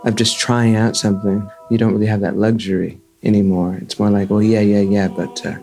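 Casual low-voiced man at an arts venue. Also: level tone, fairly quick, gravelly, warm tone, faint music behind. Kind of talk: interview answers.

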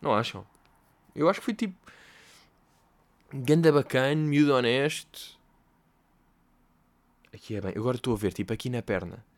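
A man's voice: mid-range voice, normal speed, pauses often. A young man with a European Portuguese accent, hosting a casual comedic podcast and rambling through stories with slang and swearing. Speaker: podcast host.

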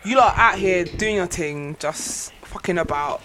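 A woman's voice: fairly low pitch, normal speed, fairly bright tone, a little hiss or hum. A young woman with a London roadman accent and slangy delivery, arguing bluntly in casual panel banter. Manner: argumentative, blunt. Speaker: podcast panellist.

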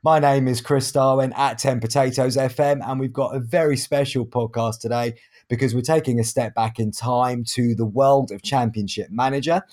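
A man's voice: mid-range voice, steady tone, moderate pace, a little mellow. A man hosting a podcast in a chatty, self-deprecating, casual way. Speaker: podcast host.

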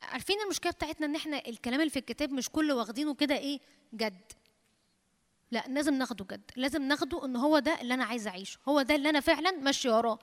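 A woman's voice: high voice, very fast. A woman preacher with an Egyptian Arabic accent giving an emphatic sermon, repeating phrases and quoting scripture. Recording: long hall reverb.

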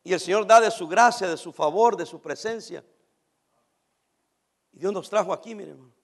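A male pastor preaching an animated sermon, swinging from shouts down to near-whispers and acting out his church members' complaints. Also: sits high, normal speed.

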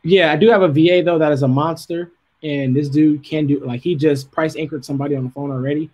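Husky laid-back male livestream host. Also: on the high side, steady tone, fast talker. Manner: slangy and laid-back, shouts out viewers. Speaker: livestream host reading viewer questions. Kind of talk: casual chat. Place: office.

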